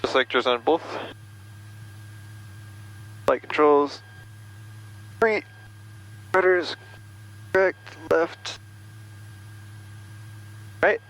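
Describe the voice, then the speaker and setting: A man's voice: a little high, very slow, long pauses, poor audio. A young man, a student pilot, chatting casually and calling out checklist items over a headset in a small plane cockpit. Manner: relaxed, joking, swears casually. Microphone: aviation headset intercom.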